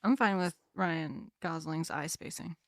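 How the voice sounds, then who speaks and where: A woman's voice: low-pitched, loud music behind the voice. A woman co-hosting a podcast in casual, playful banter, giggling often and drawing out her words. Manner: playful, giggly, drawn-out delivery. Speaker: podcast co-host.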